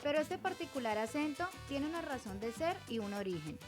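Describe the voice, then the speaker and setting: A woman's voice: high voice, lively intonation, fairly quick, music in the background. A woman from Cali with a Cali accent giving scripted narration. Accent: Cali Colombian. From Cali, Colombia.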